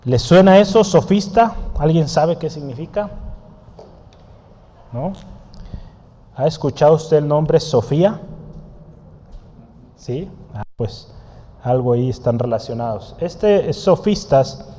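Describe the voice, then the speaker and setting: A man's voice: on the high side, animated, takes it slowly, pauses often, warm tone. A man giving a teaching sermon in a conversational way, asking the congregation questions and writing on a board as he explains. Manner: writes on a board while teaching. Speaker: preacher. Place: church hall. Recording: long church hall reverb.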